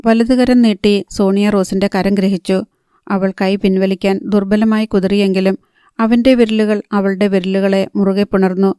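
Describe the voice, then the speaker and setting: A woman narrating a novel in a calm, even storytelling manner. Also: mid-range voice, moderate pace, clear, resonant tone, no room sound, clean studio sound. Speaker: audiobook narrator.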